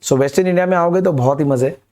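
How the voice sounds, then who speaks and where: Male teacher, pitched high. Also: mellow. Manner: explains slowly and directly to students, mixing in English words. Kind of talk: animated classroom lesson.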